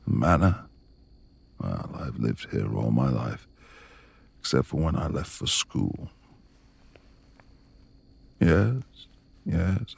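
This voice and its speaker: A man gives a full character performance as a reclusive lord of the manor, his extremely low voice a gravelly rumble. He speaks in a hushed, husky, formal, and halting way, guarded and brooding yet tender beneath the gruffness, for intimate romance audio roleplay.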